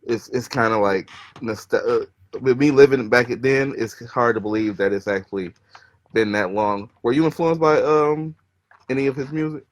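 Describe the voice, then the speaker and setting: A man's voice: mid-range voice, moderate pace. A man co-hosting a radio interview, speaking hesitantly with many fillers. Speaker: radio co-host.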